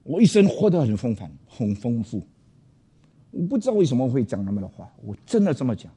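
An older man, a pastor, telling a personal story to an audience in a loud, animated way, dropping in English phrases. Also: mid-range voice, brisk, breathy edge.

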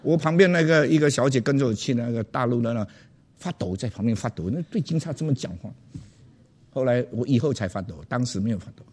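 An older man, a pastor, telling a personal story to an audience in a loud, animated way, dropping in English phrases. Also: medium pitch, quick pace, breathy edge.

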